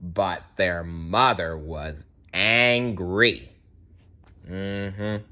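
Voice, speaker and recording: The storyteller, a man with a slightly low but bright, forward voice, reads a fairytale to children. He speaks very slowly, expressively, and directly to his listeners.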